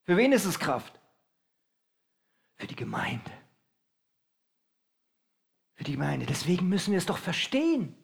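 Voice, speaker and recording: A man's voice: high-pitched, very animated, quick pace, gravelly. A man preaching a sermon. He asks the congregation questions and acts out heralds' announcements.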